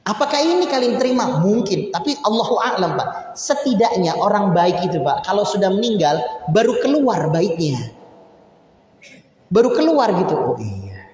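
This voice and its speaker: Male preacher, higher voice, chatty sermon with emphatic peaks, big reverberant mosque hall. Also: lively intonation, moderate pace, a little mellow. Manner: conversational, addresses listeners as Pak, rising to emphatic peaks.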